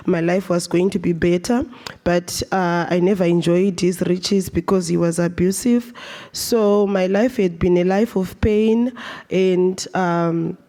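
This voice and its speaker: A woman from Zimbabwe shares an earnest personal story on stage at a live storytelling event, frequently restarting sentences and using fillers. Her voice is medium-pitched and warm.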